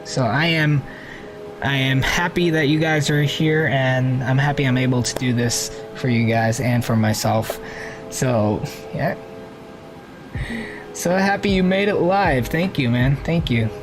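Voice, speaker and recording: A man hosts a flight simulator live stream, chatting casually and thinking aloud as he sets up the cockpit, warmly greeting and thanking his viewers. His mid-range voice is unhurried, with music playing underneath.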